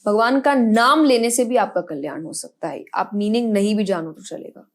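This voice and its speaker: A young adult woman, a spiritual speaker, calmly and earnestly answering questions in a podcast interview, often restarting her sentences. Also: mid-range voice, moderate pace. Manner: calm, earnest explaining with frequent restarts.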